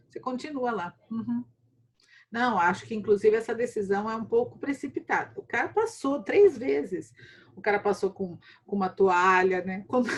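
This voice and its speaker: A middle-aged Brazilian woman professor teaches online over a video call, with a slightly husky, breathy voice. She talks in a playful, animated way and leaps up in pitch when she acts out what people say. Her pitch sits in a middle register for a woman. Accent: Brazilian Portuguese. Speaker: law school professor and mentor. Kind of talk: online lecture to students.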